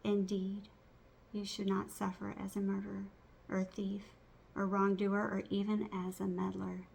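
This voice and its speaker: Female reciter, gravelly fry, restrained intonation, delivering memorised scripture by rote in measured phrases. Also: mid-range voice, a little hiss or hum, low-quality recording.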